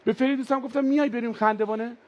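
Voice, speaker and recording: Guy doing standup, really high voice, lively storytelling, jumps into voices. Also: muffled recording. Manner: animated, switches into character voices. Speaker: stand-up comedian. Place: stage before a live audience.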